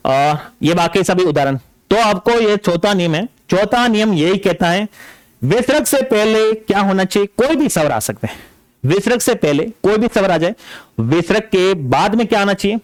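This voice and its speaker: A man's voice: high-pitched, lively intonation, moderate pace, dry recording. A man teaching an exam-prep grammar lesson, stating a rule and then going back over it again and again, with frequent checks like "okay?". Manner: explains a rule, then repeats it with checks like "ठीक है ना".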